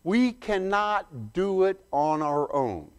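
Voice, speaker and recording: A man preaching an earnest, emphatic sermon, pausing and correcting himself as he goes. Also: high voice, sing-song, clean tone.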